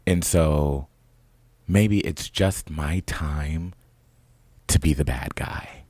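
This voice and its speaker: A young adult man from Chicago co-hosting a podcast in casual chat, telling stories with animation and leaping into a high voice when acting out quotes. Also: extremely slow, a little mellow, no room sound. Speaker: podcast co-host.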